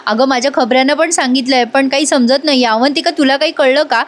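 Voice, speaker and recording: A puzzled young man who earnestly admits he cannot make sense of things, as a woman narrator plays him. The voice stays high. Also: fast talker, close to an everyday voice.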